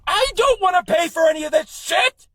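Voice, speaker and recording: A high-voiced man tears through an exasperated stand-up rant, swearing freely and building to shouts. The delivery is performed comedy, pitched well above the usual male range. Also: lively intonation, moderate pace, no echo. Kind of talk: ranting stand-up monologue.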